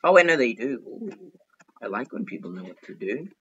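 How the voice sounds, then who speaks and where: A young gaming YouTuber chats through an online game, excitable and talkative, pleading and fretting aloud in casual commentary. His mid-range voice is bright, sharp, and husky, and he talks briskly. The audio sounds dull and lo-fi, as if from a cheap desktop mic.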